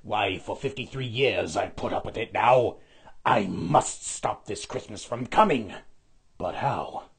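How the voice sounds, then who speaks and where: A man voicing a sour, spiteful male Grinch who snarls, sneers and hisses his lines in a lowered voice. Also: a little slow, vocal fry, breathy edge, heavily acted. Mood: snarling. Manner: snarling, sneering, low hissing asides.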